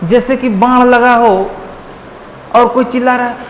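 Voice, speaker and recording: A male teacher giving a lively online grammar lesson, keeping it light with jokes and friendly asides to his viewers. He stretches out words to show how they sound. His voice rings in an echoey room with a long reverb and a faint hum behind it. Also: extremely high pitch, unhurried. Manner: playful, jokey, calls listeners "friend", stretches words to show them.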